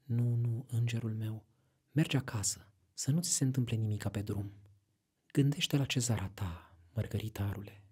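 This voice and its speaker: A sly, playful young woman coaxes and teases, voiced by a man reading aloud. The tone is light and coaxing, yet the voice stays dark and deeply husky. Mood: teasing.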